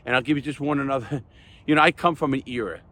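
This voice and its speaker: A man's voice: medium pitch, fast, fairly bright tone, a little hiss or hum. An older man talking off the cuff to his viewers, emphatic and earnest, repeating points for stress in a plain-spoken way. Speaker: host of a crime stories channel. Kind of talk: unscripted talk to viewers.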